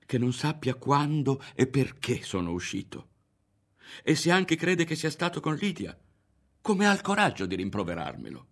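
A man's voice: mid-range voice, big pitch swings, normal speed, pitched above the performer's own voice. A man voicing a tense, defiant teenage son. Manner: tense, inner questioning under his breath.

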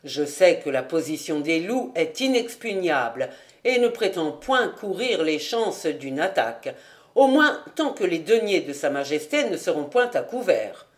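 Woman reading as a cold, calm captain. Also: fairly low pitch. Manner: cold, measured, unhurried. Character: cool, calm male army captain.

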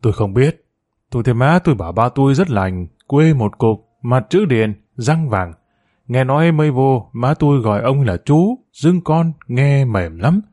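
A man's voice: medium pitch, lively intonation, moderate pace, darkish tone, no room sound, studio quality, natural voice. A man voicing a streetwise teenage boy who talks in curt, grumbling bursts in a storybook reading. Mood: subdued.

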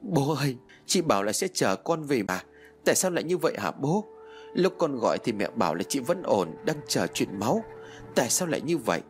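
A man's voice: medium pitch, animated, moderate pace, few pauses, soft background music, voice pushed up, natural voice. A man voicing a grieving young woman, the youngest sister, pleading insistently in an audiobook. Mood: anguished. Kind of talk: audiobook narration.

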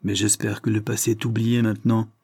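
A man reading the part of a good-natured young nobleman in an audiobook, lively and teasing. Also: fairly low pitch, a little fast, vocal fry, slightly rough, no echo.

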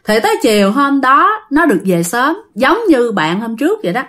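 A woman's voice: on the high side, sing-song, normal speed, fairly bright tone. A woman with a Southern Vietnamese accent telling ghost stories for her channel in a chatty, dramatic way, speaking straight to her listeners. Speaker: storyteller of a ghost-story channel. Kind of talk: casual ghost-story narration.

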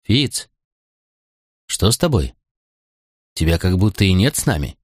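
A man's voice: low-pitched, very animated, measured pace, slightly rough, no echo, studio quality, heavily acted. A man voicing an impatient, cross young woman in an audiobook. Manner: cross and clipped.

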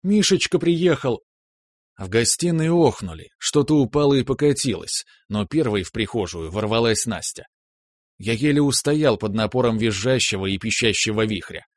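A man narrating a novel in the first person in a calm, measured way, recorded close to the mic. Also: lowish voice, no room sound. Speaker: audiobook narrator.

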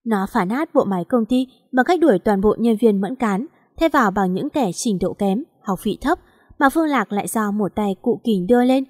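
A woman's voice: medium pitch, no echo. Woman narrating an audiobook, dry sound. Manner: steady storytelling. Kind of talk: scripted story narration.

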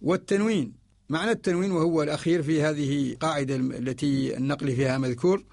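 Guy teaching quran spelling on the radio, gravelly voice, dry close sound, slows down for the verses. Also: fairly high pitch, a little mellow, dry recording. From Mauritania. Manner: measured, slows down to recite verse examples. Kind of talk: radio lesson explaining a verse text. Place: radio studio.

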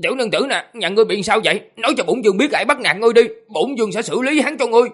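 A shrill, bright-voiced madman, boastful and childlike, rattling along fast. The voice is pitched far above a man's normal range, tense and a little husky, full of giddy excitement. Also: heavily acted. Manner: giggly, boastful, wheedling high voice. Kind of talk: audiobook character voice.

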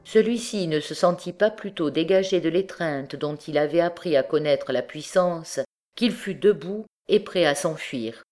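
A woman narrating an audiobook in a measured, dramatic reading style. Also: sits low, a little mellow. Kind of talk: scripted narration.

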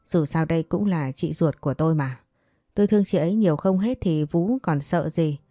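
Woman putting on a sly lady of the house, all sugar on top, lowish warm tone, dry room. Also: brisk, no echo, faint music behind. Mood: sweetly scheming. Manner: sugary, coaxing. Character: scheming second wife, falsely sweet-voiced woman.

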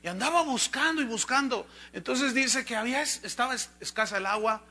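Pastor guy preaching a sermon, high sharp voice, acts out the story. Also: fairly quick. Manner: animated storytelling, acting out the animals' voices.

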